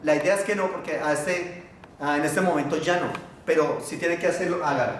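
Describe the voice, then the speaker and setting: A man teaching a Biblical Hebrew class, patiently asking his students questions and pausing on fillers. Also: on the high side, far from the mic, a little hiss or hum. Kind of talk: classroom lesson. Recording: echoey room, voice from afar.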